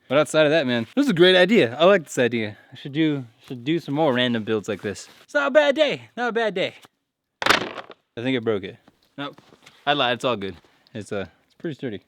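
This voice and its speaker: A man's voice: medium pitch, lively intonation, a little fast, fairly bright tone, no room sound. A man vlogging outdoors in the snow, rambling and upbeat with lots of fillers, out of breath from the cold. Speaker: vlogger, audio engineer. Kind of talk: casual outdoor vlog.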